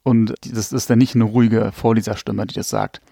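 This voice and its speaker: A man's voice: on the low side, steady tone, vocal fry, mellow, breathy edge, no room sound, studio quality. A man, a poet, talking about his work in a podcast interview, thoughtful and loose with fillers. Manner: fast, thoughtful, lots of fillers. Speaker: poet guest. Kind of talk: casual interview.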